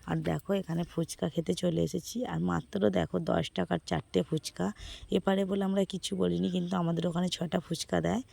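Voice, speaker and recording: A hoarse woman from West Bengal narrating her casual vlog outdoors, chatting with viewers as friends. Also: lowish voice, flat delivery, moderate pace, warm tone. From West Bengal, India. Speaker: vlogger.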